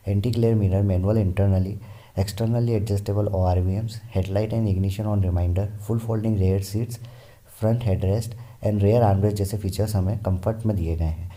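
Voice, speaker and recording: A man's voice: lowish voice, warm tone. A man explaining car variants in a car review, steadily listing features one by one.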